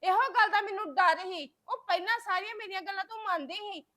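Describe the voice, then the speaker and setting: A woman plays a stubborn young woman who keeps insisting on her demands. Her voice is very high and bright. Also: fairly quick. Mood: resentful. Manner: insistent, complaining. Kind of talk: amateur family drama acting.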